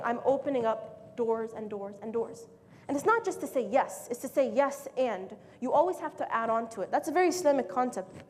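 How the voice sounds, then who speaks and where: A young woman gives a motivational talk in a casual, joking way, full of quick asides. Her voice sits high. The hall lends a long echo, with faint background noise. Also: a little mellow. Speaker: speaker.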